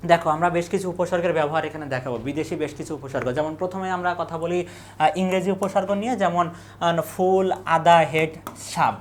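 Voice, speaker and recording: Tutor, young adult, fires off quiz questions then rattles off the answers, mid pitch. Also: a little hiss or hum. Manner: asks quiz questions and answers them in quick lists. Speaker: admission exam tutor. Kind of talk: exam revision lesson.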